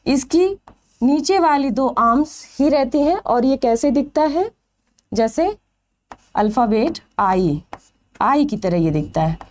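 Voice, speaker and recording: A woman's voice: sits high, animated, slow pace, a little mellow. A woman teaching a biology exam-prep lecture. She asks questions and answers them herself, stretching out the key terms.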